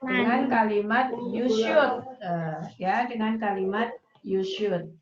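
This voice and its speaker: A woman's voice: medium pitch, slow pace, a crowd in the background. A woman English teacher giving an online class, patiently repeating words for pronunciation drills. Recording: echoey, dull, noisy online recording.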